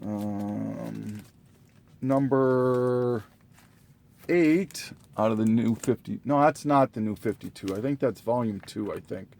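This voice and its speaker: A man slowly listing items from his collection in a casual, halting way, full of ums and self-corrections, clearing his throat as he loses his voice. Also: on the low side, darkish tone. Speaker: comic collector listing trades. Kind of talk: casual show-and-tell listing.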